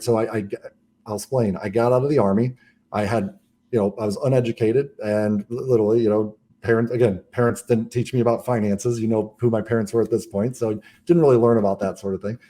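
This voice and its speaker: A podcast guest recounts his own life story in casual conversation, speaking rapidly and earnestly with frequent restarts. His voice is on the low side and mellow.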